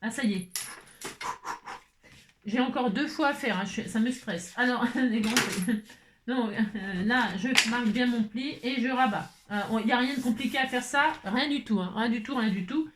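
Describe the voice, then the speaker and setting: A woman's voice: fairly high pitch, moderate pace. A woman hosting a casual crafting tutorial, chatty and exasperated, constantly adding "hein". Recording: echoey room, faint noise.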